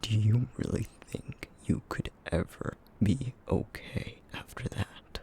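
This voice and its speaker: In an intimate ASMR roleplay drama, a man voices a brooding, guilt-haunted creature that feeds on essence and lashes out with bitter sarcasm. His low voice drops to a slow, breathy, gravelly half-whisper, sounding anguished and accusing.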